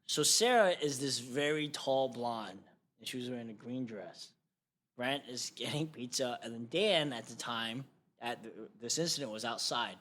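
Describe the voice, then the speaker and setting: A young adult man, a guest comedian on a podcast, telling a rowdy story in a casual, animated way, swearing freely and yelling when he acts out quotes. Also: mid-range voice, normal speed. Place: podcast studio.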